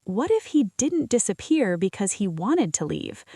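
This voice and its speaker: A woman's voice: medium pitch, very animated, unhurried, dark tone, husky, no room sound, clean studio sound. A woman narrating a scripted, emotional first-person story as a storyteller.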